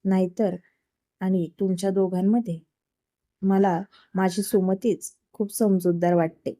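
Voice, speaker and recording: Narrator woman plays doting older mother-in-law, praising, slow, mellow voice. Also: mid-range voice, fairly even intonation, no echo, studio quality, lightly acted. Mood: fond. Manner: warm, praising.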